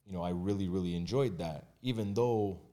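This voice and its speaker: A man with a very low voice talks things through in an easy podcast chat. He is candid and relaxed, and he often restarts his sentences and fills the gaps with "uh" and "you know.". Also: fairly quick. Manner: candid, conversational, with frequent fillers and restarts. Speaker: mortgage agent and realtor guest. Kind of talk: casual podcast conversation.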